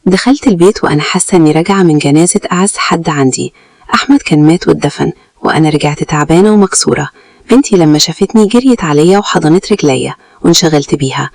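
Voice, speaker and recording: A woman with an Egyptian Arabic accent narrating a first-person story in a quick, even reading. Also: low-pitched, no room sound, studio quality.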